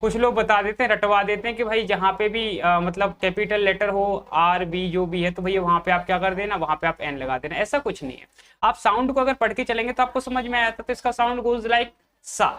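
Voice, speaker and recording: A man's voice: sits high, fairly even intonation, fairly quick, sharp tone, clear, resonant tone. A man giving an exam-prep grammar lecture. He keeps checking in with his students, calls them brother, and asks questions that he then answers himself. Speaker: English grammar teacher.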